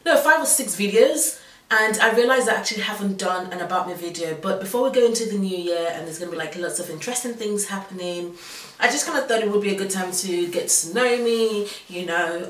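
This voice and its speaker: Talking to camera, this woman in her thirties from Nigeria speaks with a light Yoruba accent in a mid-range, somewhat bright voice at a fairly quick clip. As a fashion blogger she rambles casually, often restarting and saying um. She's recorded from far off in a roomy space.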